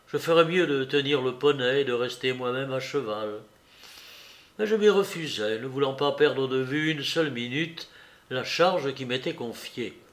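A man narrating a classic novel as an audiobook, with a measured, even literary reading. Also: medium pitch.

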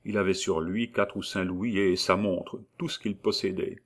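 A man reading a classic novel aloud as an audiobook narrator, in a measured literary style. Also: low-pitched, fairly even intonation, vocal fry.

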